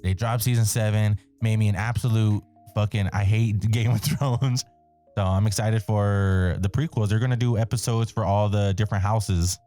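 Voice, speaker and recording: A man's voice: fairly low pitch, fairly even intonation, moderate pace, dark tone, soft background music. A young man hosting a casual podcast chat, laughing often and swearing freely in a loose, joking way. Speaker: podcast host.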